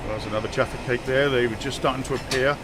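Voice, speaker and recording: A man's voice: mid-range voice, steady tone, fast, noisy background. A man chatting casually while playing a train simulator, answering chat and sharing railway trivia. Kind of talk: casual commentary while gaming.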